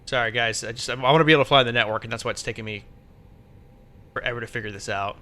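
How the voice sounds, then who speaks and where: Streaming as a virtual pilot, a man thinks aloud casually and mutters to himself while working through the steps. He talks at a quick pace with a sharp tone, over faint background noise and a low rumble.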